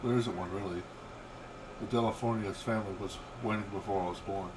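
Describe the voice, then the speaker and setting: Older man as irreverent young heiress, video game, playful, emphatic, low male pitch, noisy hum. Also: fairly quick, close to an everyday voice. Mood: matter-of-fact. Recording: steady background hum and noise.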